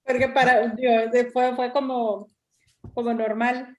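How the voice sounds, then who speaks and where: Female student on a video call, slightly high voice, chatty, with hesitant restarts. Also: level tone, measured pace, darkish tone. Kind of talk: casual class talk.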